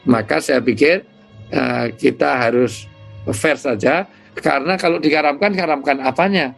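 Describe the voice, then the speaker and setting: Gravelly man explaining religion. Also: medium pitch, moderate pace, soft background music. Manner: lively storytelling with imitated sounds. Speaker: Islamic cleric guest. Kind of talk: explaining in interview.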